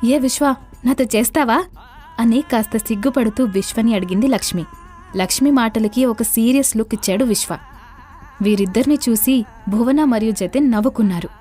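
Mellow-voiced woman reading a story. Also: on the high side, brisk, soft background music. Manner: reads all parts herself, lightly voicing each character. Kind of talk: scripted audio drama narration.

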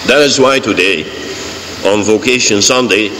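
An older man with a Dutch accent, a priest giving a homily from the pulpit of a large church, slow, deliberate and emphatic. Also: fairly low pitch, sharp tone. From Netherlands. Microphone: fixed mic on pulpit. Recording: church reverb, faint hiss.

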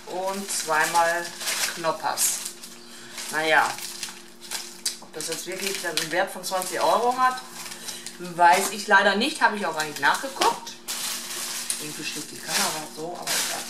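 A woman's voice: on the low side, expressive. Woman vlogger in a roomy, noisy recording. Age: middle-aged. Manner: halting, item-by-item listing. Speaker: vlogger showing a shopping haul. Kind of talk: casual unscripted haul commentary. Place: home kitchen, indoors. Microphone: camera mic at a short distance. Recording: roomy, distant camera mic with clear noise.

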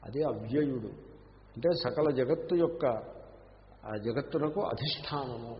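A man with a Telugu accent giving a Vedanta discourse in an ashram hall. He explains by asking his listeners questions and chants Sanskrit verses slowly. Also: medium pitch. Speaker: Vedanta teacher. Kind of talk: scriptural discourse. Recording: muffled, echoey hall recording.

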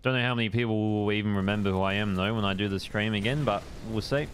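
A man's voice: lowish voice, fast, slight background noise. A young adult man, chatting casually on a gaming live stream, rambling laid-back and swearing at the game.

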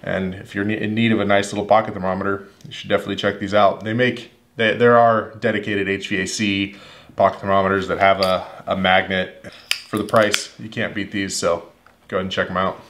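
A deep, flat, fairly bright voice moves briskly as an HVAC technician in his thirties casually covers his everyday tools to camera. Seated at a wooden table in an indoor workshop, he rambles and repeats words while thinking.

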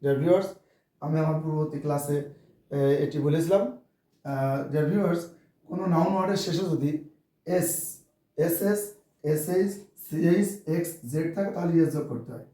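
A man's voice: fairly high pitch, moderate pace, dark tone. Echoey Bengali-accented male teacher. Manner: repeats "dear viewers", spells words letter by letter. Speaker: English teacher. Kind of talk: classroom lesson to camera. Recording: very echoey room, voice from far off.

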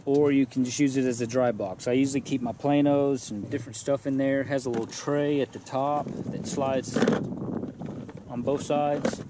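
Outdoors in a yard, a man with a mid-range voice shows off his fishing kayak setup at a normal pace, with background noise. He's relaxed and plain-spoken, full of fillers, and it's captured on an action camera.

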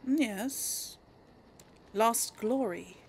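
A woman hosts a gaming video, casually commenting on a game she plays as she muses and thinks aloud in let's play style. Her voice is on the high side and extremely slow, with a little hiss or hum.

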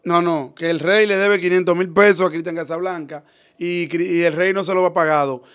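A man's voice: sits high, steady tone, a little fast, a bit bright. A man who hosts the interview and mostly adds short remarks, then gives a wrap-up to his audience. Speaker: show host. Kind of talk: casual interview.

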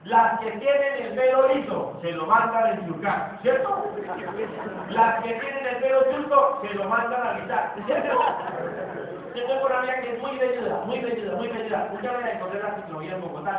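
A man's voice: very high-pitched, brisk. Joking Colombian man in an echoey hall. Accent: Colombian Spanish. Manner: joking, animated storytelling, questions to the crowd. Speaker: motivational speaker. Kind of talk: humorous motivational talk to a live audience. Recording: distant, phone-like, echoey hall with audience.

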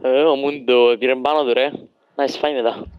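A young man with a Cypriot Greek accent, trash-talking excitably while gaming with friends. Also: medium pitch, dull audio, a little hiss or hum. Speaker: gamer. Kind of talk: casual gaming chat.

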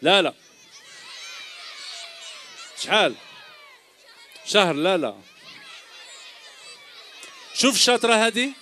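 Slow and full of long pauses, yet very animated, this high, sharp-toned voice belongs to a middle-aged Algerian Arabic-accented man hosting a children's show on an outdoor stage. Holding a handheld microphone, he jokes with a large crowd of kids, teasing them with quiz questions and calling them "my dears," while a faint crowd and slight background noise are audible.

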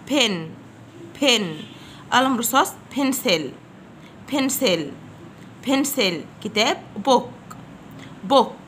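Woman, Egyptian Arabic accent, fairly high voice, teacher, vocabulary drill, slow clear repetition, faint noise. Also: fairly bright tone. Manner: repeats each word slowly and clearly. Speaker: English teacher. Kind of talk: vocabulary review lesson.

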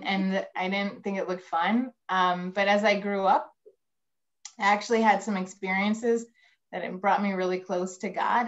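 A woman's voice: mid-range voice, fairly bright tone. Woman priest chatting, slightly dull call audio. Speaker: priest, interview guest. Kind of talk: casual explanation for children. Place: indoors, on a video call.

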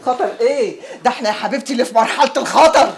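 An actress playing an excitable, mocking Egyptian wife with an Egyptian Arabic accent, in a TV drama. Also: female voice, on the high side, very fast, a little hiss or hum, natural voice. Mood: agitated. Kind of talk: TV drama acting.

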